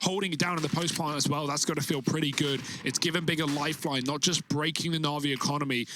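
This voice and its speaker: A man giving live esports match commentary as a play-by-play caster, excitable when the action builds. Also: on the high side, fast, noisy background.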